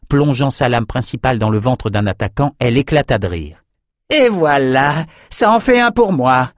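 A man narrating a fantasy audiobook in a steady, even storytelling manner. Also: fairly low pitch, dry recording, studio quality. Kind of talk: scripted narration.

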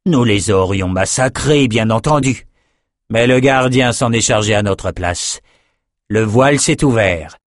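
A man's voice: fairly low pitch, measured pace, dry recording, clean studio sound, close to an everyday voice. A man doing a smug, arrogant messenger. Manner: smug, haughty delivery.

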